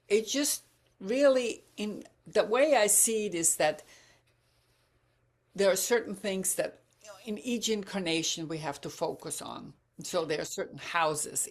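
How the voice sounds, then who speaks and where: An astrology speaker gives an informal talk with slides, her low, gravelly voice full of fry. She explains at an easy, halting pace, hesitating with many fillers and restarts. She is bilingual in German and Croatian, German first, and from Germany or Croatia.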